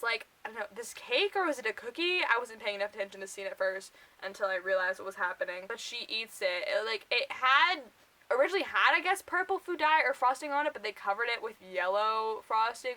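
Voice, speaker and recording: A young woman chats through a book review in a loose, rambling way, with filler words tumbling out between thoughts. Her voice is bright and forward, and she keeps sliding into laughter at the funny parts. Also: medium pitch, low-quality recording. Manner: chatty, lots of "like" fillers, laughs a lot. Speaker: book vlogger.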